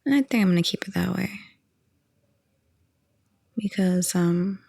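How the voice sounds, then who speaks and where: A young woman in her twenties rambles in a calm, soft-spoken ASMR chat, laughing lightly now and then. Her voice sits a bit low, husky and full of vocal fry. It is recorded close up and dry. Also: measured pace, no echo. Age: 20s. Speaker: ASMR audio creator.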